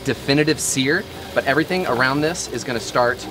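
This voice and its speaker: Here he talks briskly with music playing in the background, his pitch medium. Cooking in the wood-walled outdoor griddle kitchen, the thirty-something host keeps up cheerful banter, cracking jokes and quoting movies while the griddle sizzles under his words.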